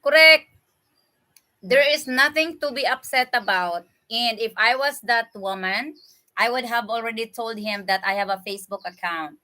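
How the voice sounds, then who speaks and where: Eating on a relaxed livestream, this Filipino-accented host from the Philippines laughs a lot as she talks with her viewers. Her voice sits on the high side, bright and pushed, at a normal speed, recorded through a computer webcam mic.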